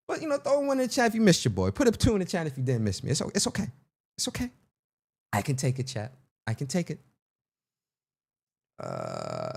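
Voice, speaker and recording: A young man hosting a casual livestream, playful and animated, talking straight to his chat. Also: mid-range voice. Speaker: livestream host.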